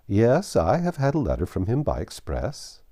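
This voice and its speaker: A man's voice: lowish voice, wildly swooping pitch, moderate pace, dark tone. A man voicing a weary, sceptical middle-aged father in an audiobook, dry and resigned in manner. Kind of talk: audiobook character dialogue.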